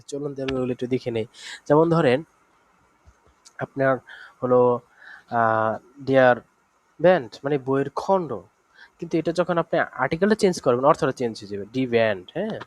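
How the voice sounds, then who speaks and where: Man teaching with patient lists. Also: medium pitch. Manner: explains slowly, lists examples with many fillers and checks. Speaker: language teacher. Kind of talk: online language lesson.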